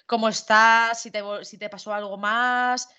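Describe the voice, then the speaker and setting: A woman's voice: a little high, steady tone, measured pace, pushed and bright, smooth. A woman hosting an interview, asking questions in a conversational, hesitant way. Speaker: host, interviewer. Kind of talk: casual interview. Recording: dull lo-fi recording.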